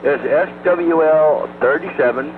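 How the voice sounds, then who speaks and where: A man comes through a gritty vintage carbon microphone, sounding thin and tinny like a phone line over the radio. There is a steady hiss of static around his words. He keeps his check-in short and procedural. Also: fairly high pitch, measured pace. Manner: brief, procedural, ends turns with "over". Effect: gritty old carbon microphone sound. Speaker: radio net check-in operator. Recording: tinny radio transmission with clear noise.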